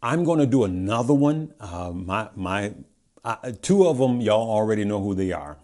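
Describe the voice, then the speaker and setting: An American man with a fairly low voice speaks casually to his online audience. His words come out a bit garbled, as he has stitches in his mouth after dental surgery. He stays emphatic and familiar, often repeating a phrase to drive it home. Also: lively intonation, moderate pace, darkish tone. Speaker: investing video host. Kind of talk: casual direct-to-audience vlog talk.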